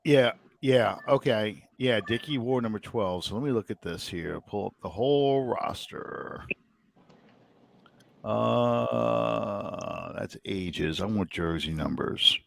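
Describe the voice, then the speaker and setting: A man's voice: fairly low pitch, takes it slowly, gravelly. A man from the New Orleans area hosting a casual sports podcast, rambling and thinking aloud with many ums. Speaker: podcast host.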